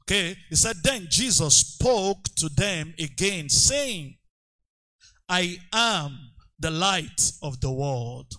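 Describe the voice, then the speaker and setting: Lively, excitable male preacher. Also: high-pitched, takes it slowly, low-quality recording. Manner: excitable, leads call-and-response declarations. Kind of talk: sermon. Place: church service.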